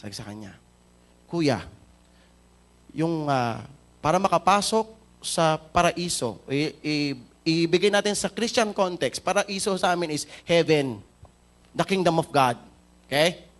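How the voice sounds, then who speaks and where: This Filipino pastor preaches in church with a fairly high, animated voice, speaking unhurriedly and leaving long pauses. He tells a story, asks the congregation questions, and mixes Tagalog with English.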